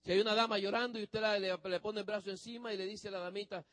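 Male pastor, sermon, high-pitched voice, dry close sound, emphatic, drawn-out phrase endings. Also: fairly even intonation, a bit bright, no echo. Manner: emphatic preaching, addresses the congregation directly.

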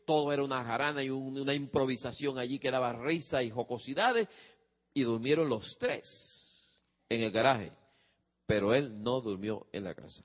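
A man's voice: medium pitch, moderate pace. Preacher man in an echoing hall. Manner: storytelling with acted-out quotes and audience questions. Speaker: preacher giving parenting advice. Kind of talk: sermon. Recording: long hall reverb.

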